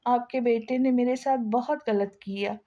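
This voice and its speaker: A woman's voice: fairly high pitch, fairly even intonation, normal speed, mellow, lightly acted. Woman voicing a tearful pleading young woman. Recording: slightly dull lo-fi sound.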